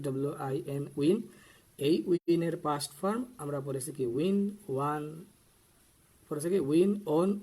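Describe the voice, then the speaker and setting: A man leads a pronunciation lesson in a slightly high voice. He speaks slowly and says each word several times so students can copy it. He moves back and forth between Bengali and English. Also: a little mellow. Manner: repeats words slowly, drilling pronunciation. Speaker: English teacher.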